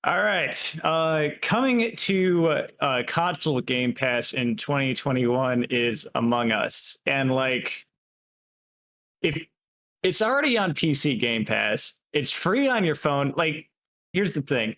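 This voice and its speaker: A man's voice: medium pitch, sing-song, takes it slowly, a bit bright. A man co-hosting a casual video game chat show, swearing often, with plenty of filler words. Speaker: podcast co-host.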